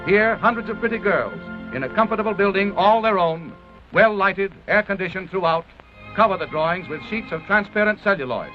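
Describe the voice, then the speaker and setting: An American man with a high, expressive voice narrates a 1930s promotional film at a slightly fast clip, reading a script in a formal, grandiose announcer style. The dull vintage soundtrack carries orchestral music behind him.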